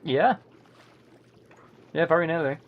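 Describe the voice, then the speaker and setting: A man with a slightly high voice takes his time, heard with phone-quality sound. He's a livestreamer and author chatting casually on a gaming stream, playful and rambling as he tries out impressions of game sounds. Keyboard typing and clicking run in the background, with faint noise and key clicks on the recording.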